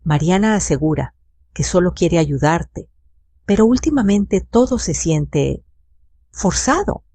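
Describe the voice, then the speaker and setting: An older woman voicing a worried adult son who speaks hesitantly with a lowered voice. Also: expressive, measured pace, dark tone, no room sound. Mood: uneasy.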